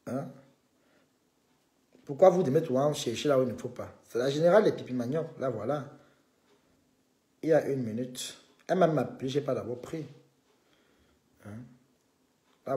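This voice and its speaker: A man's voice: medium pitch, warm tone, echoey room. A man hosting a live stream, needling a rival and calling on his viewers in a combative way.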